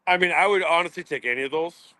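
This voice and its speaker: A man's voice: a little high, quick pace, dry recording. A man guesting on a casual sports podcast, talking loosely and swearing freely. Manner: loose and profane, excitable.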